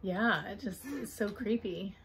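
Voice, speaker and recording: A woman's voice: mid-range voice, unhurried, a bit bright, a little hiss or hum. A woman chatting casually as she reacts to scary video clips. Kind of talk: casual chat while watching scary clips. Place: small furnished room at home.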